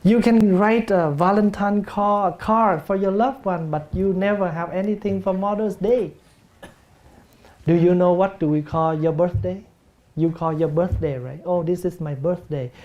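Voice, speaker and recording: A Buddhist monk, a man with a Vietnamese accent and Vietnamese as his first language, giving a gentle, plain-spoken dharma talk in English and acting out family scenes with humor. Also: high-pitched, fairly even intonation, measured pace, highs cut off.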